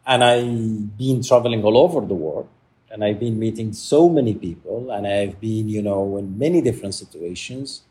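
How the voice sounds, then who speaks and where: Halting, soft-spoken male interview guest. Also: fairly low pitch. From Palestine. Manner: halting, searching for words, frequent restarts. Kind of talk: reflective interview talk.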